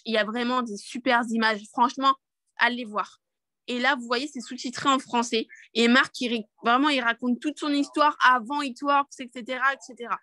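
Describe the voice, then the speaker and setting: A woman's voice: fairly high pitch, bright, forceful tone, no echo. A young woman leading a live online training over a video call, chatty and upbeat, with many fillers and restarts. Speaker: network marketing trainer.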